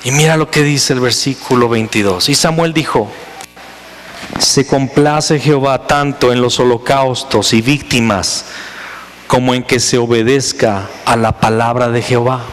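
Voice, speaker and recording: A man's voice: mid-range voice, fairly even intonation, measured pace, long reverb tail, a little hiss or hum. A man preaching a sermon as pastor, building up to emphatic, intense passages. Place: church sanctuary.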